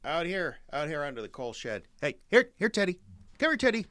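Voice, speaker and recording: A gravelly, earnest country fellow. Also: male voice, deep voice, measured pace, no echo. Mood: calling. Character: simple country man Herbie, earnest and spooked. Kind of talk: old-time radio drama acting.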